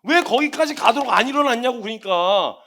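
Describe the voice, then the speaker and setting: Lively, quick-talking male preacher. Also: very high voice, creaky, a little hiss or hum. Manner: animated, acts out everyday scenes. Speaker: missionary preacher. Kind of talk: sermon.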